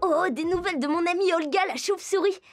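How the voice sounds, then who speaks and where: This woman talks fast in a very high voice with music behind her. She plays a children's cartoon heroine, a cheerful and curious little girl who visits animal friends, serving as both main character and narrator with a bright-eyed, inquisitive, enthusiastic delivery.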